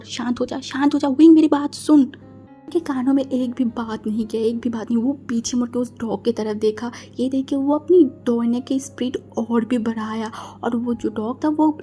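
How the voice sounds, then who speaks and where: High-voiced woman reading a fan story. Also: dark tone. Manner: chatty, mixes English words, many fillers.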